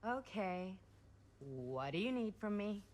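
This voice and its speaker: An actress voicing a sharp-tongued, fed-up young adult sister in a video game, talking bluntly and sarcastically. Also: female voice, mid-range voice, sing-song, takes it slowly. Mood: dry.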